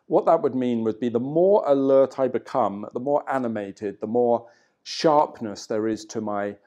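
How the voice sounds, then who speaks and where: Speaking from a hotel room, this man teaches qigong in a relaxed, chatty way, scattering plenty of "you know" through his talk. He has a warm, mid-range voice.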